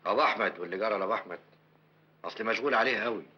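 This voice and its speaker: An actor playing a protective neighbor with an Egyptian accent, speaking firmly and reassuringly in a classic film. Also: male voice, lowish voice, racing, sharp tone. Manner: reassuring, firm, threatening on others' behalf. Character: protective neighbor man, tough and loyal. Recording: dull old film soundtrack.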